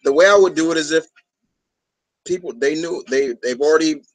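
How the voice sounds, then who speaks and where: A man's voice: fairly high pitch, a little fast, no echo, rough recording. A man from New York hosting a fan discussion, chatting casually in a rambling, enthusiastic way. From New York, United States. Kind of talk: casual chat.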